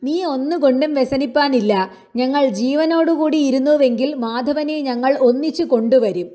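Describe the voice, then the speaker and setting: A woman reading aloud, voicing a middle-aged man who calmly reassures his family. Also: high-pitched, moderate pace, lightly acted. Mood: reassuring. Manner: reassuring, steady.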